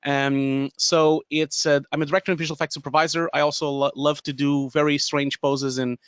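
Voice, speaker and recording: A man's voice: a little high, level tone, a little fast, fairly bright tone, smooth, no room sound. Chatty Portuguese-accented man, dry lo-fi audio. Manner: chatty, many fillers and restarts, laughs often. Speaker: webinar presenter. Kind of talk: live webinar talk. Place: home studio room with bookshelves. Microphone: headset with boom mic.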